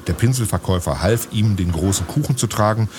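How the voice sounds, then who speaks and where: A man reading a storybook aloud in an expressive way. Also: fairly low pitch, brisk, noisy background. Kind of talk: storybook narration.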